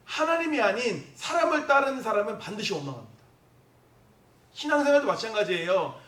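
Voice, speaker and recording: A man's voice: high voice, fairly bright tone. A male pastor preaching a sermon in a conversational way, asking the congregation questions. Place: church sanctuary. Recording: echoey church hall from a distance.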